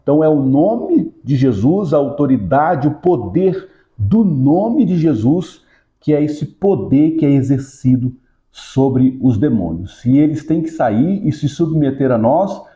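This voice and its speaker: A man's voice: big pitch swings, unhurried, mellow, echoey room, dull audio. A man, a pastor, teaching a Sunday school lesson with a hands-on demonstration, explaining step by step and checking in with his listeners. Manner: raises pitch in rhythmic command when casting out.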